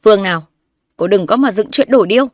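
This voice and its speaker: A woman narrator voicing a spiteful, scheming older mother-in-law who scolds and insults loudly. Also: medium pitch, expressive, moderate pace, no echo, studio quality, natural voice. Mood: scornful.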